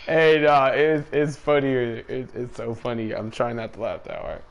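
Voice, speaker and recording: A man's voice: medium pitch, flat delivery, normal speed, muffled recording. A young man streaming a video game, chatting casually with slangy banter and laughing a lot. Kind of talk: casual gaming chat.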